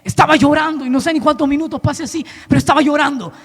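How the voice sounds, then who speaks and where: A man preaching a sermon and sharing his own testimony, with an impassioned delivery that rises to shouts and drops to a low, soft voice. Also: fairly even intonation, very fast, creaky, long reverb tail. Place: church hall.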